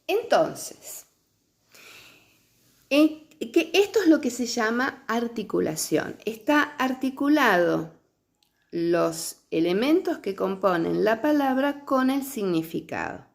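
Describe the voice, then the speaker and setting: A woman's voice: fairly high pitch, very animated, slow, gravelly. A middle-aged woman teacher, lecturing patiently on early literacy and often checking in with her listeners.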